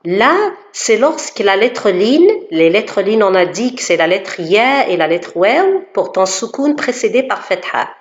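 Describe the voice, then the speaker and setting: Slow, patient woman teaching pronunciation. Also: medium pitch, lively intonation. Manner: slow, careful, demonstrates sounds, repeats syllables. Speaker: tajweed teacher. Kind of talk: pronunciation lesson. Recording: echoey, dull lo-fi room recording.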